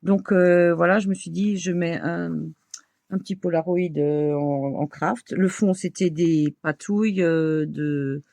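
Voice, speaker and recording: A woman's voice: lowish voice, a little slow, dry recording. Chatty older woman with an Alsatian accent. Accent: Alsatian French. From Alsace, France. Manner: chatty, homely, many small fillers and soft laughs. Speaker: craft vlogger. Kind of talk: casual show-and-tell chat.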